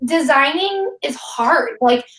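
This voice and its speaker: A woman's voice: sits high, expressive, slow pace, a bit bright, roomy sound, rough recording. A woman teacher chatting casually on a live webinar, rambling and filling her talk with "like". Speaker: teacher and guest.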